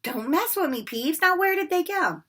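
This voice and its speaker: A woman's voice: very high voice, lively intonation, moderate pace, a bit bright, pitched above the performer's own voice. A woman voicing a grumpy, menacing old male caretaker who mutters and makes demands. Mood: demanding.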